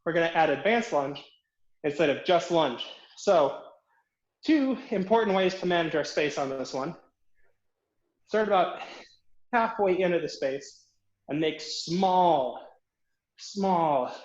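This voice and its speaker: Male fencing coach, higher voice, out of breath, roomy slightly muffled home recording. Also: animated, measured pace, long pauses. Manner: counts reps aloud while demonstrating drills. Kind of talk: online footwork class instruction.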